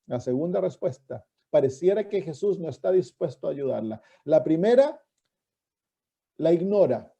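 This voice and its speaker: A man's voice: a little high, sing-song, normal speed, vocal fry, warm tone. A man, preaching a sermon as a pastor, reading scripture and asking his listeners questions. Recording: dull lo-fi recording.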